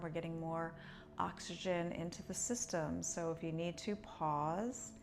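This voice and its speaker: A woman's voice: lowish voice, slight background noise. A woman teaching yoga breathing, guiding step by step in a conversational, explanatory way. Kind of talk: instructional breathing lesson, guiding along.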